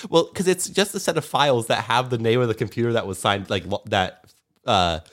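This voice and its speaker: A man's voice: mid-range voice, fairly quick, a bit bright. A man hosting a podcast in casual comedic banter, rambling along in a joking, mock-serious way. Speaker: podcast host.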